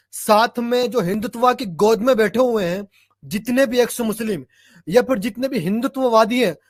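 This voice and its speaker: A man's voice: very high voice, no room sound, clean studio sound. A man arguing in an online religious debate, emphatic and challenging, repeating his points for force. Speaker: debate panelist.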